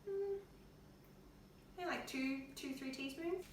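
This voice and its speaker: A health vlogger with an Australian accent takes it slowly, her voice high-pitched, as she chats casually in her kitchen with the windows open. She comes across as tired and in pain, speaking in an offhand, colloquial way. The room is very echoey, the mic distant, with faint noise.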